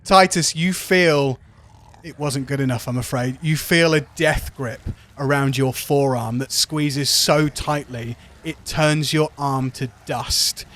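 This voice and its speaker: A man running a tabletop game, narrating dramatically and descriptively with deliberate pauses. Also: mid-range voice, a bit bright. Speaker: game master.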